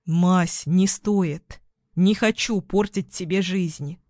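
A woman voicing a weakened, tense ex-husband who alternates between shouting and pleading, read in her own voice. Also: on the low side, slow, dry recording, clean studio sound. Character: strained, weakened ex-husband, middle-aged man.

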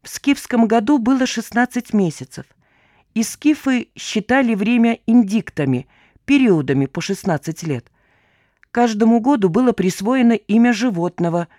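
A woman narrating an audiobook in an even, measured reading. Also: a little high, no room sound, clean studio sound. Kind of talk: scripted narration.

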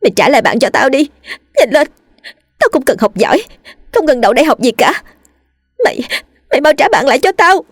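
A woman voicing a distraught teenage schoolgirl in a spoken ghost story, with shrill, sobbing outbursts. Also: sing-song, brisk, pauses often, no echo, studio quality. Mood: furious. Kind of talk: storytelling role voice.

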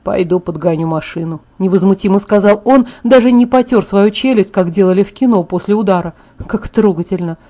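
A woman narrating a novel in the first person as an audiobook reader, with a measured, even read. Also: medium pitch.

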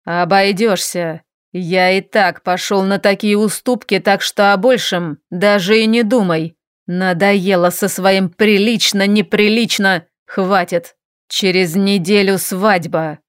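Gruff, slow orc ruler, lowered voice, dry close sound, read by a woman. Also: fairly even intonation, dry recording, natural voice. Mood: domineering. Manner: gruff, bellowing, slow and bossy. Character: brash stubborn male orc ruler. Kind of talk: audiobook character voice.

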